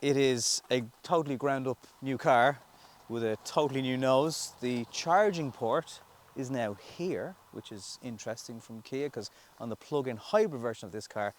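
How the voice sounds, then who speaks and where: A man giving a relaxed, rambling car review with lots of fillers and restarts, first outdoors and then from inside a moving car. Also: medium pitch, normal speed. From Ireland. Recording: noisy background.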